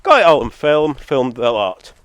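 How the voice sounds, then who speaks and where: A man's sing-song, slightly bright voice moves at a moderate pace in this rambling, argumentative vlog, thick with a head cold and sardonic comments. Born in Zambia and living in England, he records solo on a phone or camera set too hot; the dull, dry audio distorts and clips.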